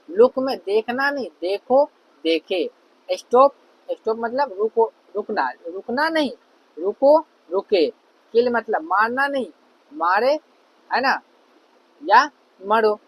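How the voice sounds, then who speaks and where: Guy explaining grammar in an online class, keeps asking quick questions as he goes. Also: high voice, a bit bright, slightly rough, poor audio. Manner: repeats "है ना" and asks questions to check understanding. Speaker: teacher.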